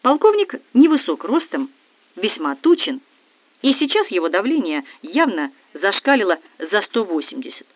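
An audiobook reader narrating a comic novel in first person with brisk irony. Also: medium pitch, very animated, no echo. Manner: brisk ironic storytelling. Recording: dry, tinny phone-like audio.

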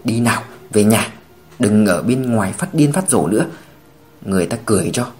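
A man voicing a weary father who pleads firmly for calm. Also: on the low side, moderate pace, pitched below the performer's own voice, close to an everyday voice. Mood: pleading. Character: weary father pulling his ex-wife home.

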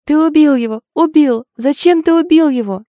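Shrill, sobbing young woman in hysterics, as a woman reads her; dark, dry voice. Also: normal speed, no room sound, natural voice. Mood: hysterical.

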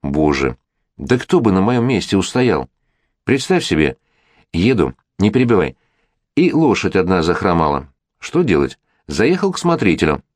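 A boastful, hot-blooded young rake, as a man reading the story puts him on, gushing in breathless bursts. His low voice leaps up high again and again, in a dry, close storybook reading. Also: very animated, normal speed, no room sound. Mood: excited bragging.

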